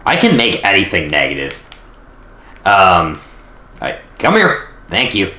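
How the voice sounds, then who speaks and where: A man's voice: deep voice, wildly swooping pitch, measured pace, bright, forceful tone, reverberant. A young man casually commentating his gameplay on stream, rambling and self-deprecating. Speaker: gaming streamer.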